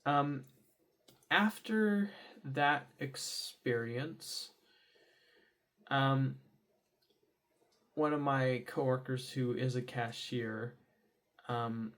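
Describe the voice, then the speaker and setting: A young man talking casually in a diary vlog, rambling with many fillers and restarts, sometimes bursting into loud high exclamations. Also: drawn-out words, long pauses. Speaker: vlogger.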